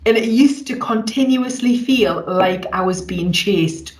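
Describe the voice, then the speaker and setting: A woman's voice: medium pitch, measured pace. A woman who is a parent and podcast co-host, earnestly explaining her experience in a casual chat. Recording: echoey room, away from the mic.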